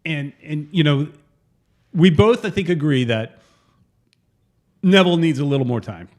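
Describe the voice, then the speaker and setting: Lively joking man co-hosting a podcast. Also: a little high, normal speed. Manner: joking, animated storyteller. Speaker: co-host. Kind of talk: casual podcast chat.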